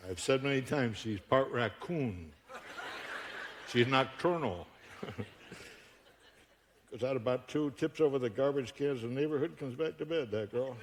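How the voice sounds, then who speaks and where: An older guest speaker from Buffalo, New York, gives a humorous sermon, joking and telling animated stories while laughing often. His mid-pitched voice goes through a stage microphone in a church auditorium with long reverb. He speaks at a measured pace, pauses often, and there's slight background noise.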